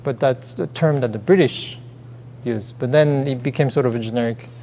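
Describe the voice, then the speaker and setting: A man's voice: medium pitch, moderate pace, dark tone, a little hiss or hum. A man co-hosting a casual chat show, hesitant and full of fillers and restarts. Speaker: co-host. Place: theater stage. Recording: long reverb of a theater hall.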